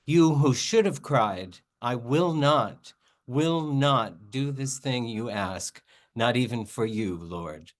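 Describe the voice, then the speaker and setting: A man's voice: mid-range voice, lively intonation, slow pace. A man reading his own poems at a literary reading, with casual spoken introductions between them. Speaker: poet reading own work.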